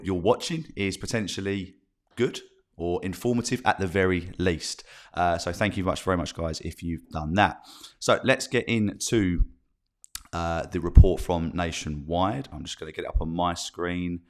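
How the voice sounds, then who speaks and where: Low-voiced Essex man. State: slight cold in the voice. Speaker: live stream host, property agent. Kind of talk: informal live news bulletin with chat to viewers.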